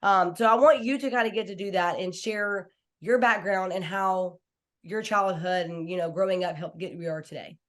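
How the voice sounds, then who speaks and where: Speaking in a lowish, steady voice at a moderate pace, this podcast host is an American woman in her thirties from a small town in Washington. She runs a chill, conversational interview, informal and enthusiastic, often saying "y'all" and "like."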